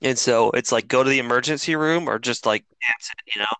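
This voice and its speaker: A man's voice: medium pitch, fairly quick, clear, resonant tone, dry recording, low-quality recording. A middle-aged man telling a long story in casual chat, rambling and swearing freely with lots of fillers. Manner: profane, rambling, animated storyteller.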